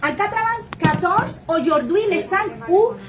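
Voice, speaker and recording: A woman's voice: extremely high pitch, expressive, unhurried, background noise. A woman, a native Spanish speaker, arguing insistently in French with a Cuban accent. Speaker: immigration consultant. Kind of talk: impassioned public argument.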